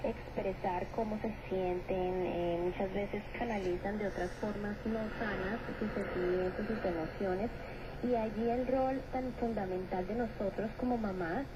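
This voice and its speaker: A woman's voice: mid-range voice, steady tone, normal speed, highs cut off. Woman on a static-filled shortwave radio. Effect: shortwave radio broadcast being tuned in on a receiver. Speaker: radio broadcast speaker. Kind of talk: talk-radio commentary.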